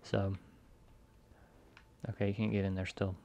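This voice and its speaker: Excitable laughing gaming co-host man. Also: lowish voice, measured pace, gravelly. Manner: excitable, laughs often, backseat directing. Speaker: let's play co-host. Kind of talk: casual gaming commentary.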